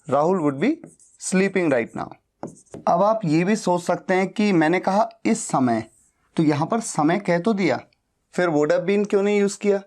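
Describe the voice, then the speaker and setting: Slow, deliberate male English teacher. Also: sits high, darkish tone. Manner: slow, deliberate, drawing out example sentences. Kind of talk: classroom grammar lesson.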